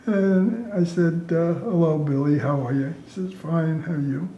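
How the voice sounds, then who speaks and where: An older man, speaking like a retired air traffic controller, casually tells work stories, chuckling with amusement and reenacting back-and-forth dialogue. His voice is mellow and a little high, and he's unhurried. The roomy, echoey recording is muffled, with a little hiss or hum.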